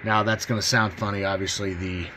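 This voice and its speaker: On his CB radio demo channel, a man walks through a hands-on demonstration with folksy, enthusiastic, informal chatter. He talks briskly in a lowish, steady voice, and background noise is clearly audible.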